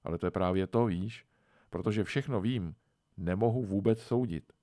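A man narrating a literary story in a calm, measured way. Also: fairly low pitch, dry recording, clean studio sound. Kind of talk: literary reading.

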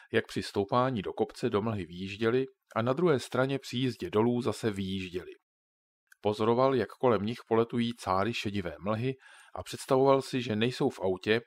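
A man narrating a children's audiobook in a calm, even storytelling manner. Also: on the low side, no room sound.

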